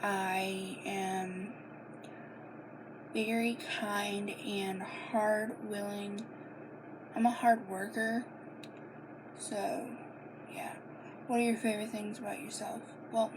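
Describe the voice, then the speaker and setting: This is a noisy home recording of a young woman from Maine answering questions as a vlogger. She speaks in a mid-range voice with little pitch variation, stumbling through the questions she reads aloud with many fillers and restarts in a relaxed monologue.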